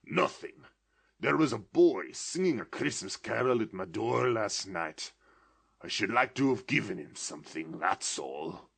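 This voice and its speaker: A man voicing an old male miser who exclaims in a drawn-out way, between laughing and crying. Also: lowish voice, lively intonation, gravelly, a bit bright, breathy edge, voice pushed up, exaggerated voice. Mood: wistful. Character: old male miser, tearful, wildly excited.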